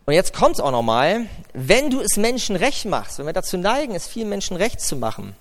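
A man's voice: high-pitched, wildly swooping pitch, fairly quick. A man preaching a sermon, emphatic, with rhetorical questions and repeated key phrases.

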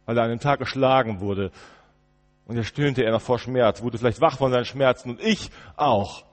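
A male preacher telling a story in the first person during a service, turning from loud outbursts to hushed murmurs. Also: mid-range voice, moderate pace, in a large hall. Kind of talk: first-person dramatic sermon monologue. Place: church.

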